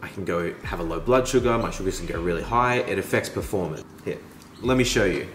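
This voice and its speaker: A man's voice: sits low, brisk, fairly bright tone. A man with a nasal voice, feeling under the weather, telling a chatty, self-deprecating story as a voice-over. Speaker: vlogger narrating his race. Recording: roomy sound with music underneath.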